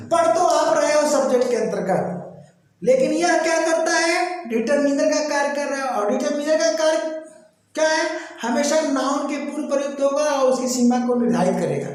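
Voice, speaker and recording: A man's voice: very high-pitched, recorded from a distance. A man teaching an English grammar lesson, asking his students questions and answering them himself, often checking that they follow. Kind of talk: classroom-style grammar lesson. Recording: very echoey room, voice from away from the mic.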